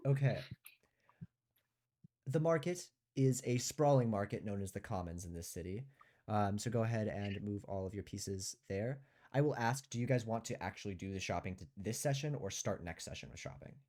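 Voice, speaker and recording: A man's voice: fairly low pitch, normal speed, darkish tone. A man acting as game master, narrating and guiding players through a tabletop game session.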